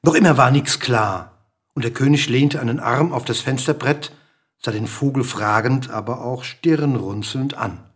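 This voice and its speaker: A man narrating a story aloud in an expressive, lively reading manner. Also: medium pitch, unhurried, husky.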